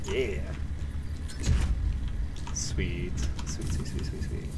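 A man in his thirties shouting urgently and swearing while commentating live on a game he is streaming. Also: high voice, wildly swooping pitch, a little slow. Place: small indoor streaming room. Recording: clear noise of game sounds and vehicles.

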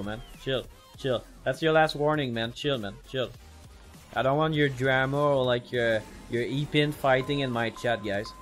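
A man commentating live on his own gameplay as a streamer, excitable and tacking "man" onto nearly every line. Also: medium pitch. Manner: excitable, repeats "man" constantly. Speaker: game streamer.

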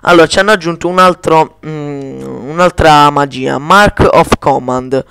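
Slow-talking man narrating his gameplay. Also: a little high, creaky, a bit bright, clean tone, dry recording. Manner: chatty, swears at lag, chants spell words slowly. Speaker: gameplay commentator. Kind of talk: casual gameplay commentary.

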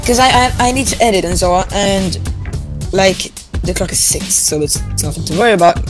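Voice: medium pitch, lively intonation, fairly quick, over music. Gamer, rambling chat. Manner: rambling, with many fillers and restarts. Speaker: channel host. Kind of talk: casual gaming chat.

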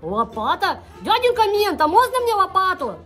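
A man voicing a cheeky, naive six-year-old boy with a childish lisp in a comedy sketch, his voice pitched up. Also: sing-song, moderate pace, pushed and bright, faint music behind, full character voice. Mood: naive, chatty.

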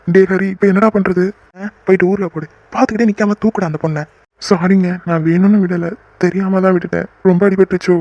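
A man voicing young men in a Tamil-language cartoon, with quick teasing banter. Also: high voice, fairly even intonation, a little mellow, no room sound, lo-fi sound.

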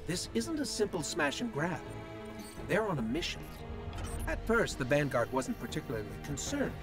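A man voicing a wry soldier giving a brisk mission briefing in a video game. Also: high voice, huge pitch swings, full character voice. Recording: game audio with music.

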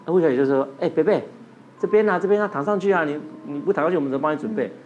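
Man, quick and expressive talk-show storyteller, music bed. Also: on the high side, lo-fi sound, slight background noise. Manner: acts out the voices of the patient and the nurse. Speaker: doctor guest. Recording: studio with music playing under it.

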